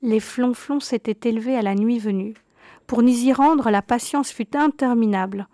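A woman narrating a childhood memoir story in a calm, measured reading voice. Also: a little high, dry recording, clean studio sound.

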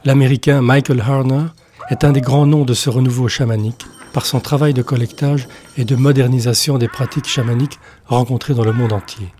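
Calm male documentary narrator. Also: medium pitch, fairly quick, a little hiss or hum. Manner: calm, explanatory. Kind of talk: scripted narration. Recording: over clear music.

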